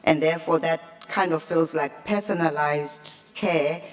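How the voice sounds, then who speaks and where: A woman's voice: low-pitched, measured pace, soft background music. A South African woman, a liver clinic doctor, answering a conference question with hesitant restarts and fillers. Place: conference room.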